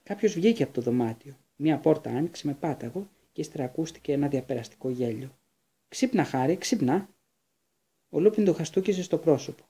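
A man reading a fantasy novel aloud as an audiobook narrator, with steady storytelling. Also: on the high side, hardly any pauses, husky.

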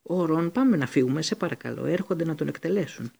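A man's voice: a little high, lively intonation, gravelly, warm tone, breathy edge, voice pushed up, full character voice. A man voicing an anxious, clever teenage schoolgirl who pleads urgently. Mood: pleading.

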